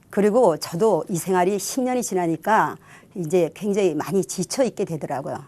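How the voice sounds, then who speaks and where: A woman's voice: mid-range voice, darkish tone. Earnest middle-aged woman giving a testimony. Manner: earnest, reflective storytelling. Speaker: testimony speaker. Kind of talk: church testimony.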